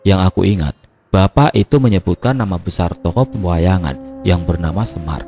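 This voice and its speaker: A man calmly reading a first-person mystery story in scripted narration. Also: low voice, moderate pace. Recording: music playing behind.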